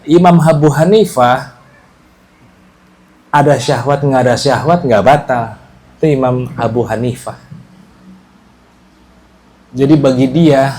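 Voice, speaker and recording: Teaching a small group in a casual religious study, a man with a medium-pitched voice explains things easily and often checks that the class understands.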